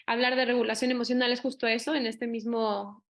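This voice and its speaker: A woman's voice: on the high side, brisk. A young woman giving an online talk on protecting children, acting out the voices she quotes. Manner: lively, acts out quoted voices. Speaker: speaker on child abuse prevention.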